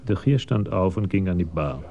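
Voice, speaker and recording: A man narrating a radio crime drama in a measured, matter-of-fact way, on a slightly dull 1980s broadcast recording. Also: sits low, expressive, mellow.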